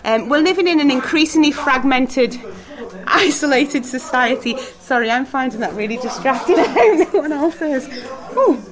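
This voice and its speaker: A woman with a high, animated voice teaches a church group at a moderate pace, a crowd audible behind her. She keeps it casual and chatty, laughing often and posing questions to the room over the background noise in this group-discussion talk.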